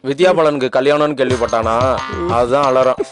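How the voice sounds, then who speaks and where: A man's voice: mid-range voice, steady tone, fairly quick, natural voice. An actor playing a young male friend who teases and mocks a bedridden pal in a TV serial. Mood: teasing. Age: young adult. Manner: teasing, mocking. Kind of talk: TV serial acting. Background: background music.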